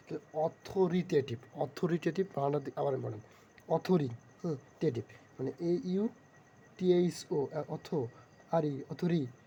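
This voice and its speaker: Male teacher, dark gravelly voice, slow patient spelling drills, faint noise behind. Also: on the high side. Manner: spells words slowly, repeats them many times. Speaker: vocabulary teacher. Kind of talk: spelling lesson, letter by letter.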